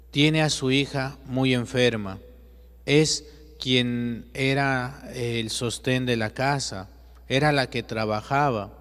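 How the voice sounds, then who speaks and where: Mexican priest, storytelling sermon, mid pitch, reverberant space. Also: male voice, a bit bright, smooth. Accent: Mexican Spanish. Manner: narrates and acts out characters' voices. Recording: long echoey reverb.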